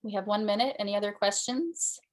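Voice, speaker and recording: A woman's voice: mid-range voice, fairly quick. A woman presenter answering audience questions in a conversational way, with fillers and restarts. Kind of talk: conference Q&A answer.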